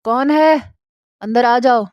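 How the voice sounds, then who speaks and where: A woman voicing a stern, commanding older father who speaks gruffly. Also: mid-range voice, a little mellow, dry recording, studio quality, natural voice.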